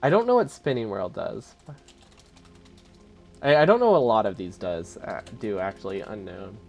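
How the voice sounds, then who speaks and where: A man's voice: on the low side, lively intonation, normal speed, creaky, faint music behind. A man streaming a video game live, thinking aloud, chuckling often and answering his chat in a casual, easily amused way.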